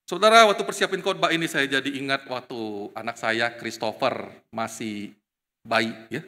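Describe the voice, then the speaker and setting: A man in his thirties preaching a sermon as an evangelist, telling stories with animated swings from loud proclaiming to soft asides. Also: medium pitch, moderate pace. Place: church sanctuary. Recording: long church hall reverb.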